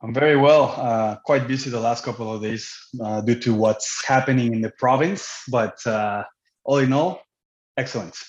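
A man from Mexico, co-host of a podcast and a coach, talking in a measured way with many fillers and restarts. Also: mid-range voice, reverberant, dull audio. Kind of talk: casual podcast chat.

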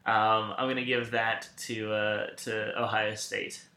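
A man hosting a sports podcast in casual chat, halting and often restarting his sentences. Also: lowish voice, level tone, sharp tone. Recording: roomy, echoing sound.

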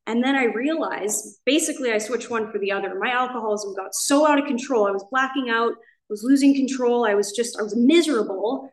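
A woman's voice: on the high side, brisk. A woman in her thirties with an American accent, telling her recovery story at a meeting, candid and emotional, a little nervous. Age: 30s. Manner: candid, emotional storytelling with many "I was like" quotes. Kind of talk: personal recovery share. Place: church meeting hall. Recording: echoey hall.

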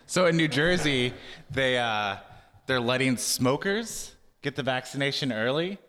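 A man's voice: medium pitch, a little slow. Joking man in a reverberant room. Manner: joking, deadpan asides. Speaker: podcast co-host. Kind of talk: casual banter.

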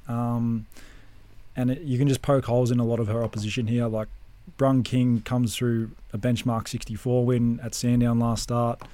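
A man's voice: mid-range voice, level tone, moderate pace, warm tone, no echo. An Australian man previewing horse races as a tipster, with confident, punchy hype in how he talks. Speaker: racing tipster, podcast host. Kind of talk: horse racing preview chat.

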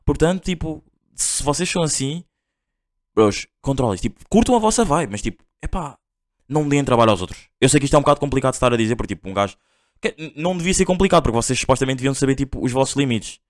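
A man's voice: medium pitch, lively intonation, fast. Rambling young Portuguese man, slangy. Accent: European Portuguese. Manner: rambling, slangy, full of fillers and restarts. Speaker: podcast host. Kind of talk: casual storytelling monologue.

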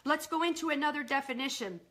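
A woman preacher teaching on prayer in a live-streamed sermon, talking fast and earnestly and quoting scripture. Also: high-pitched, fairly bright tone.

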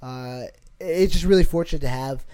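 A man's voice: medium pitch, normal speed, dark tone, smooth. A man co-hosting a casual podcast, talking loosely with many fillers and restarts. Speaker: podcast co-host. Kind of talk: casual chat.

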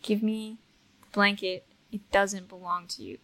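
A man's voice: high-pitched, level tone, a little slow, bright, forceful tone, heavily acted. A game master voicing an irritated young human man in his twenties who scolds a newcomer with blunt questions. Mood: stern. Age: 20s.

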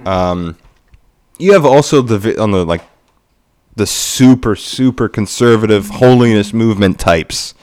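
A man's voice: lowish voice, measured pace, a little mellow. A man co-hosting a casual podcast discussion, teasing the others and circling around his points. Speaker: podcast co-host.

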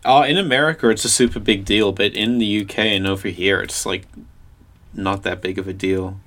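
A young Australian man co-hosting a comedy podcast, quick and playfully provocative, often laughing. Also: lowish voice, steady tone, fairly bright tone. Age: young adult. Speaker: podcast co-host. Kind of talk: casual comedy chat.

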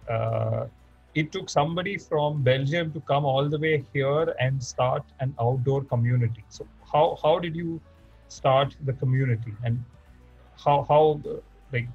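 Male interviewer, husky, polite and hesitant, muffled recording with faint music. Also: medium pitch, a little mellow. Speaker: host. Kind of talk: interview hosting.

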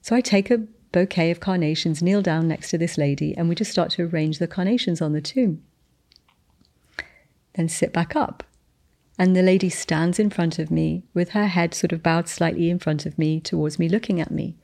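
A woman earnestly telling a testimony of a spiritual encounter, with restarts and slowed, emphatic phrases. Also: on the low side, vocal fry, warm tone. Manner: descendant of the Boleyn family telling a spiritual encounter. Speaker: guest sharing a testimony. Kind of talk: storytelling testimony.

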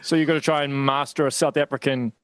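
A man's voice: a little high, steady tone, quick pace, clean tone, poor audio. A man hosting a podcast interview, asking questions in a casual, chatty way. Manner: casual, swears lightly, asks leading questions. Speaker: podcast host.

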